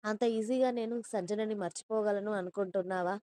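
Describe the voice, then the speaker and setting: A woman's voice: mid-range voice, fairly even intonation, a little fast, mellow, smooth, dry recording, lightly acted. A woman voicing a stern, angry young man who scolds bluntly in an audio story.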